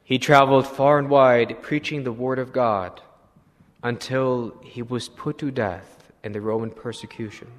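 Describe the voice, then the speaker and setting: A man, a priest, telling a saint's story in a slow, measured sermon. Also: mid-range voice, fairly even intonation. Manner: slow, measured retelling with clearing of throat. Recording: long hall reverb.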